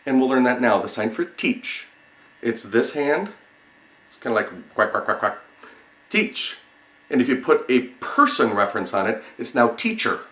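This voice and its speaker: A man giving an instructional lesson, explaining step by step in a halting way and repeating single words with pauses. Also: medium pitch, sing-song, fairly bright tone. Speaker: sign language teacher. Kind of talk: instructional lesson, demonstrating word by word. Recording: roomy, echoing sound.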